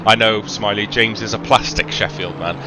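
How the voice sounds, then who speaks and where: A man's voice: fairly low pitch, steady tone, normal speed, background noise. A man with a faint Welsh accent doing live sim racing commentary, chatty, with lots of ums and self-corrections. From Wales.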